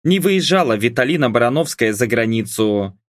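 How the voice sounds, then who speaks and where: A man narrating a first-person novel with an expressive reading style. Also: medium pitch, normal speed, no echo, studio quality. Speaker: audiobook narrator. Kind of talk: scripted narration.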